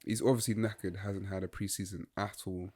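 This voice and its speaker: A man's voice: deep voice, steady tone, brisk, a little mellow. A young man, co-hosting a casual football chat and rambling through his opinions with lots of fillers. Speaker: podcast co-host.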